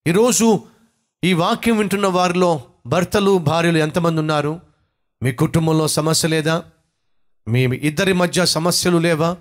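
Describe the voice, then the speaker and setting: Male pastor, Telugu accent, forceful sermon delivery in punchy repeated phrases, slightly raised pitch. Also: moderate pace. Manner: emphatic preaching in short repeated phrases.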